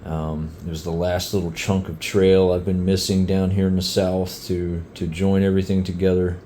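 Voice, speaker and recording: A man's voice: sits low, level tone, moderate pace, warm tone, a little hiss or hum. A middle-aged man chatting casually in a vlog about his hike, talking laid-back with many fillers. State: out of breath. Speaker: hiker and vlogger. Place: outdoors on a trail.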